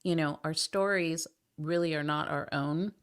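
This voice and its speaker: Woman, podcast host, croaky frog voice, hoarse from illness, very low pitch, conversational, chatty. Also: fairly even intonation, measured pace. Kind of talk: casual conversational interview.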